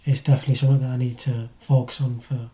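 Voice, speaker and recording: A British man giving a casual, matter-of-fact vlog update in a low-key way. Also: level tone, racing, warm tone, slightly rough. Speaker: vlogger. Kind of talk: casual vlog talk to camera.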